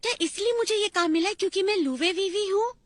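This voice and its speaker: A woman's voice: very high voice, fast talker, no room sound. A woman dubbing a young female intern who is guarded and proud, over background music. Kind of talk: Hindi dub of a drama. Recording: music under dialogue.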